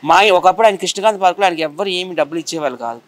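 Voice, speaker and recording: Man from vizag talking super fast, fired up and indignant, a bit high. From Visakhapatnam, India. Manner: rapid, indignant, insistent. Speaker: interviewee. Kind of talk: heated complaint in an interview.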